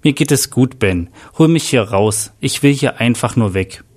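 Scared young woman in hospital, read by a guy, middle pitch. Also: animated, moderate pace, slightly rough. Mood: mocking.

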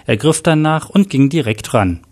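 A man narrating a crime story aloud in a plain, steady storytelling voice. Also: on the high side, moderate pace.

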